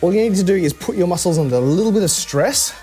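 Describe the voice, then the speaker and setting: A man's voice: sits high, expressive, quick pace, dark tone. A man coaching a live workout in a casual, conversational way, cueing exercise moves step by step. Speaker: fitness coach. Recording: music behind the voice. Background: music.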